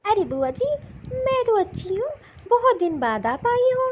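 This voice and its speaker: A woman's voice: very high-pitched, big pitch swings, unhurried, highs cut off, a little hiss or hum, full character voice. A woman voicing a polite, obliging young daughter-in-law in a cartoon, speaking sweetly and respectfully. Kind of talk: Hindi cartoon voice acting.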